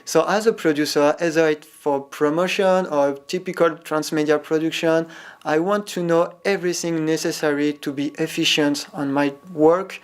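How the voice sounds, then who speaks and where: A man in his twenties from France, a producer answering interview questions carefully and pausing to find his words. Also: on the high side, fairly even intonation, clean tone. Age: 20s.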